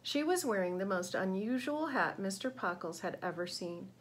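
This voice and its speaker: A woman reading a children's picture book aloud, expressive and pausing to ask young listeners questions. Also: medium pitch, slight background noise. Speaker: read-aloud narrator.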